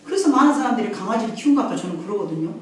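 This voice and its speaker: A woman's voice: mid-range voice, animated, very fast, darkish tone, slight background noise. A woman preaching a sermon in a conversational way, acting out family voices and laughing often. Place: church sanctuary. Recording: echoey church hall from far off.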